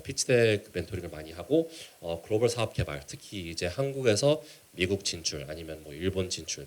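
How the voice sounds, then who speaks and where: A man with a low-pitched voice and a Korean-American accent speaks as a keynote presenter. He moves through his points in a measured, halting way, dropping English business terms into his sentences. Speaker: keynote speaker, startup mentor. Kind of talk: conference presentation.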